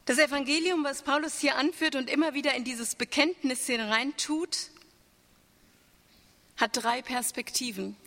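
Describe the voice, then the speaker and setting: A woman's voice: sits high, measured pace, fairly bright tone. A woman preaching an Easter sermon, earnest, asking the congregation rhetorical questions. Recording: long church reverb.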